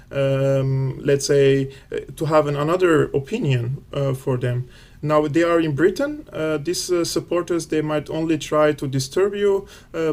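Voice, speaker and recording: Man, young adult, earnest halting video message, mid-pitched voice. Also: a little mellow. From Syria. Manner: earnest, many "uh" pauses. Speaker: guest endorsing the speaker.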